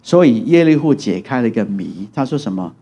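A middle-aged man preaches a sermon in a church sanctuary. His voice is mellow and a little husky, at a medium pitch. He keeps it conversational, often asks the congregation to agree, and throws himself into acted-out quotes. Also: a little fast. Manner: animated, acts out quotes with rising pitch and loudness. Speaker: pastor.

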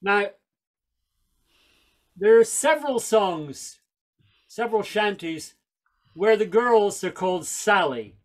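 Slow and animated, with long pauses, a man's high-sitting voice carries this storytelling talk. He is an older folk singer and speaker from Northern Ireland, raised in England, and he comes across as wry and chatty while on a video call, wearing a headset mic in a small room at home.

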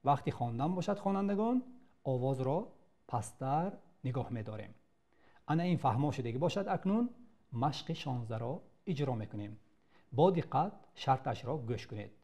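Mellow-voiced Tajik male teacher. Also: medium pitch, lively intonation. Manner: addresses students, praises answers. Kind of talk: classroom grammar lesson.

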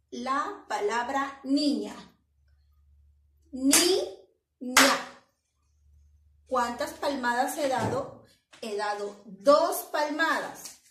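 A woman teacher giving a children's lesson, speaking slowly and clearly and clapping out each syllable. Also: a little high, a bit bright, roomy sound, far from the mic, slight background noise, low-quality recording. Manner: slow, clear classroom delivery with claps.

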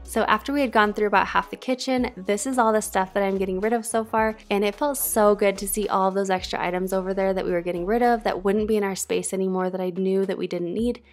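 A woman's voice: mid-range voice, fairly even intonation, quick pace, hardly any pauses. A young woman narrating her home decluttering vlog in a chatty, encouraging voice-over, often repeating words for emphasis. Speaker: home cleaning vlogger. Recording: faint background music.

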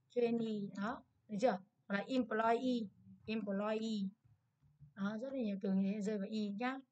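Going through an exam at a quick clip, a woman English teacher speaks with a Vietnamese accent in a mid-range voice. Much of the review lesson consists of her checking questions.

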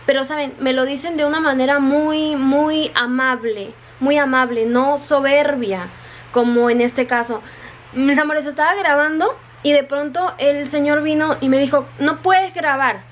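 A woman's voice: high voice, fairly even intonation, normal speed, dull audio, slight background noise. A woman in casual vlog talk, chatty and repeating her words, often calling her viewers "chicas", still wet from the rain. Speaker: vlogger. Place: her home in Japan.

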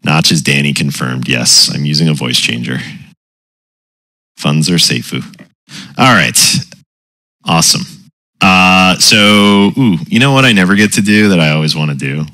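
Man with a deep voice-changer effect. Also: moderate pace, long pauses, no echo. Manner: relaxed, explains with frequent "right?" and "you know". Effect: voice changer pitching the voice very deep. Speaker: community call host. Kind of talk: casual chat.

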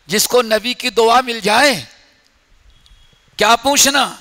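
High-voiced preacher in an echoey mosque. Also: male voice. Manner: dramatic storytelling, swinging from whispers to shouts. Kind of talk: sermon. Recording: echoey hall reverb.

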